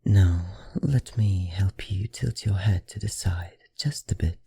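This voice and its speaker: In this ASMR roleplay, a performer plays a teasing, seductive vampire librarian with a fake foreign accent, whispering often in a husky, breathy voice. The delivery sits low and mellow, slow, formal, and soothing, a full character voice with a hypnotic feel. No echo is present.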